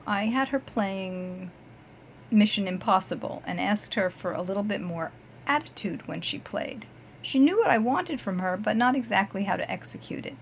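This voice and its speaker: An upbeat woman guitar teacher presents her podcast segments in a chatty, emphatic way. Her voice sits at an ordinary middle pitch. A faint hiss of noise runs under the recording. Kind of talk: casual scripted podcast segments.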